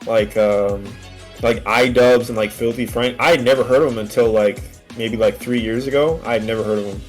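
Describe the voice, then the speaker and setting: A man's voice: medium pitch, fairly even intonation, normal speed. A young man chatting casually about games in a rambling, slangy way with frequent swearing. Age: young adult. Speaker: podcast co-host. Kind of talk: casual gaming chat. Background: music in the background.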